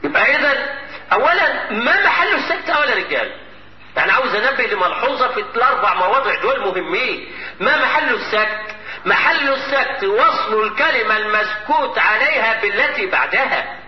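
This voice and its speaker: High-voiced Egyptian recitation teacher. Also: male voice, sing-song, a little fast. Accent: Egyptian Arabic. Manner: quizzing students, prompting answers; melodic chanted recitation in examples. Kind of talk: classroom lecture with questions. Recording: dull echoey classroom recording, faint noise.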